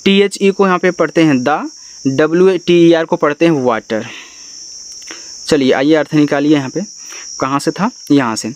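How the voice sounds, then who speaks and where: A man with a fairly high voice teaches a reading lesson, spelling out each word letter by letter and walking through it patiently. Crickets chirp faintly in the background. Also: a little mellow, slight background noise. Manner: spells out words letter by letter and explains slowly. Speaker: English teacher. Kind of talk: spoken language lesson.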